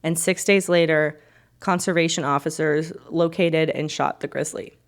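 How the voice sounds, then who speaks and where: Lower-voiced woman telling a bear story. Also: steady tone, normal speed. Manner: reads story details, breaks off for joking asides. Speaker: podcast co-host telling true stories. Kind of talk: casual chat, storytelling.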